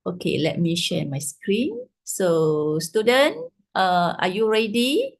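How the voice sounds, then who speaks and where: A woman's voice: lowish voice, very animated, slow. A Malaysian-accented older woman teaching an informal online class, switching between English and Malay and often adding little tags to check in. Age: 50s or older. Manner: checks in with tags like "right", "ya", "lah". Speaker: chemistry teacher giving an online revision class. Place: online video call with screen share.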